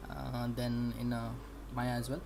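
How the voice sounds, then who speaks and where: A young man with an Indian English accent, an animation student thinking aloud while he works. He talks haltingly, with many pauses as he explains. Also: mid-range voice, creaky. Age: young adult. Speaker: animation student streaming practice. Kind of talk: casual think-aloud livestream. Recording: steady background noise.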